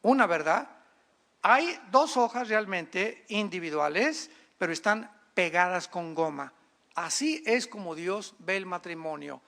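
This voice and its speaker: A man preaching a sermon, lively and humorous, acting out the people he quotes. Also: high-pitched, a little slow, creaky. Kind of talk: sermon on marriage.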